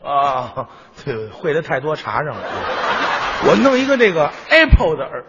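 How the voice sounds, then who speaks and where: A man tells a crosstalk story on stage. His voice is high, bright and hoarse. It swings widely in pitch and rings through a large echoing hall on a dull, lo-fi recording. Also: moderate pace. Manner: animated storytelling, bursts into shouted acted quotes. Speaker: crosstalk lead comedian. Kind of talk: Chinese crosstalk stage performance. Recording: echoey hall, dull lo-fi sound.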